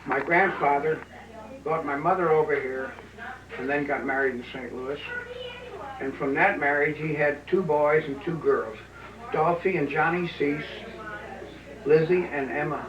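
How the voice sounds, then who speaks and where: An older man recalling his family history in an interview, unsure and restarting his sentences. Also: fairly high pitch. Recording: echoey room, distant muffled mic, chatter behind.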